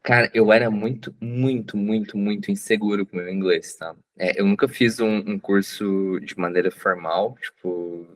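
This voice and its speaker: A Brazilian man with a Brazilian Portuguese accent and a lowish voice, talking casually as a guest in an interview. He speaks loosely and with lots of slang, stacking fillers and restarting his sentences as he goes. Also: fairly even intonation, normal speed, few pauses. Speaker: guest author. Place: abroad at home, on a remote call.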